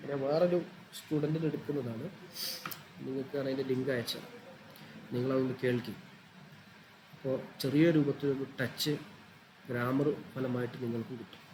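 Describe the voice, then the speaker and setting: A man's voice: medium pitch, steady tone, a little fast, long pauses, background noise. A man teaching an informal online religious class, chatty and repetitive as he explains things step by step.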